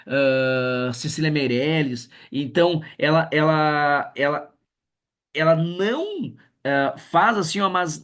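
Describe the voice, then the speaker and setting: A man teaches a literature class in a livestream, with a voice pitched a little high for a man. He talks in an animated way, reads poems aloud with feeling and keeps checking in with his students. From Brazil.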